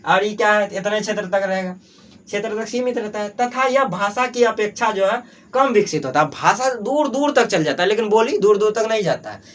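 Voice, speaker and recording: A man's voice: high voice, animated, a little fast. A young man from Bihar with a Bihari Hindi accent, teaching a grammar class for exams. He keeps asking questions and answering them himself, filling his speech with "jo hai". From Bihar, Mithila region. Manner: asks and answers his own questions, heavy filler "jo hai". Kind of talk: exam-prep grammar class.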